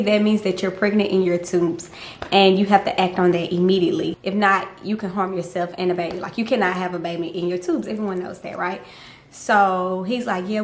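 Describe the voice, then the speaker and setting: Young woman, chatty and animated, mid-pitched voice, roomy echo. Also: slight background noise. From Louisiana. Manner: chatty, animated, speaks to viewers as girlfriends. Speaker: mom vlogger. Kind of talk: casual storytelling to camera. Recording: echoey room.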